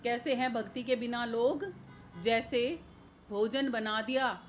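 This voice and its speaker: A woman giving a devotional sermon, explaining verses and chanting couplets in a drawn-out cadence. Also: fairly high pitch, fairly even intonation, soft background music. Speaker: spiritual preacher.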